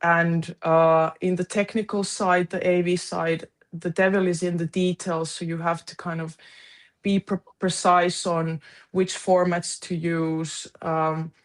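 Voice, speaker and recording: A woman's voice: lowish voice, level tone, a little slow. A woman on a video call introducing her tech role, talking hesitantly and searching for words. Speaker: conference events board member. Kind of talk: casual video-call chat.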